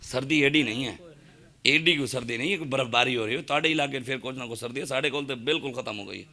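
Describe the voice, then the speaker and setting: A man's voice: medium pitch, pushed and bright. A man with a Punjabi accent preaching a sermon in an impassioned way, firing rhetorical questions at his listeners. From Pakistan.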